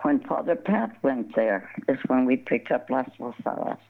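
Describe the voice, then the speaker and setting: Over a tinny phone connection, a guest embroidery artist, an older woman from southern Colorado, spins stories in a casual interview. Her voice is rumbling low and gravelly yet animated, at normal speed, and she often laughs, rambles and starts her words over.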